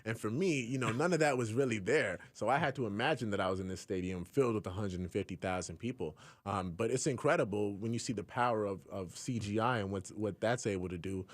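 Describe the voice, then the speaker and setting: Laid-back young man, low voice, dry studio sound. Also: quick pace, hardly any pauses, no echo. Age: young adult. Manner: easygoing, laughs often, says "you know" a lot. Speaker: actor guest. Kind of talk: in-studio radio interview. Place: radio studio. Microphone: studio microphone.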